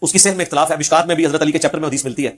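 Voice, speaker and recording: A man giving a religious lecture on hadith, telling the stories vividly and acting out the quoted speech. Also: on the high side. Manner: animated storyteller who acts out quoted speech. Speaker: Islamic preacher.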